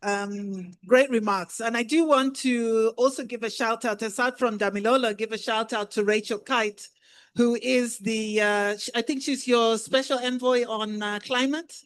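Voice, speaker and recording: A woman's voice: fairly high pitch, fairly even intonation, normal speed. A woman from Nigeria moderating a panel discussion and putting questions to the speakers.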